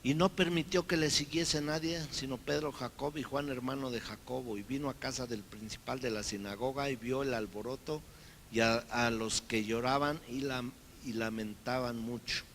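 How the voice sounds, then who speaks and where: A man preaching a sermon as pastor, lively and acting out the people he quotes. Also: medium pitch, normal speed, a little hiss or hum.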